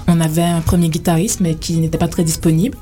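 A young woman from Guadeloupe, a singer being interviewed on the radio, relaxed and rambling with many fillers. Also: low voice, fast, soft background music. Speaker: singer guest.

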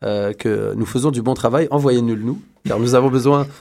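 A man's voice: medium pitch, fairly quick, gravelly, dark tone. A man from France hosting a casual radio chat, playful and wisecracking as he reads from his notes. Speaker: radio show host.

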